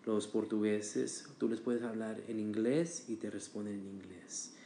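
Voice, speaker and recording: A man's voice: on the low side, fairly even intonation, a little slow, gravelly, warm tone, echoey room, slight background noise. A man talking as a guest on a casual podcast, chatty and hesitant, with many fillers and restarts.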